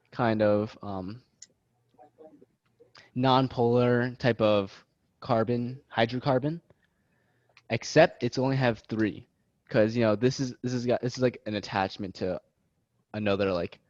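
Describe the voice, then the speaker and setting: A man's voice: medium pitch, darkish tone, no room sound. A young man leading a casual study session for classmates, joking and self-deprecating as he explains. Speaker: student tutor. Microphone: video call. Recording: dull lo-fi video call audio.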